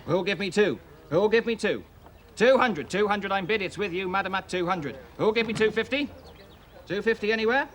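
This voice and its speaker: An auctioneer who rattles off bids in quick, repetitive patter. His voice sits high. Faint noise hangs behind him. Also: a bit bright. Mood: brisk. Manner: rapid, repetitive bid-calling patter. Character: brisk male auctioneer calling bids.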